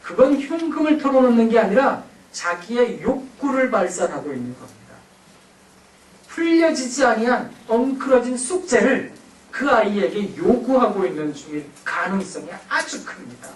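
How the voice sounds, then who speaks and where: Animated male lecturer in echoey hall. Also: very high-pitched. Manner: animated and playful, acting out scenes. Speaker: seminary professor and guest lecturer. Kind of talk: church lecture on family communication. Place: church hall. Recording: echoey hall, far from mic.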